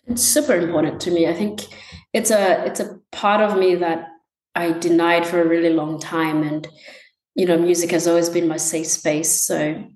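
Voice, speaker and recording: A young woman musician talks through her answers softly, stopping often to think. Her voice sits a little low. The room gives it a roomy echo. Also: fairly even intonation, normal speed. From Tanzania. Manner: soft-spoken, many ums and restarts. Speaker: musician guest. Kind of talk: casual interview answers. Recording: echoey room.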